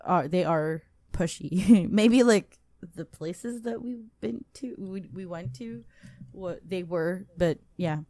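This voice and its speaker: A woman's voice: fairly low pitch, takes it slowly, warm tone, no room sound. A woman podcast host reading a listener's story aloud in a casual way. She often breaks into laughter, stumbles over words and stops for asides.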